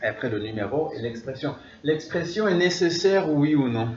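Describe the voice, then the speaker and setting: Lively teacher in an echoey classroom. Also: male voice, on the high side, moderate pace, crowd noise. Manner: repeats phrases and drills the class. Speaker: French teacher. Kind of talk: classroom instruction. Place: classroom, large indoor room. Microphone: far camera. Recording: roomy, distant, dull camera audio with room noise.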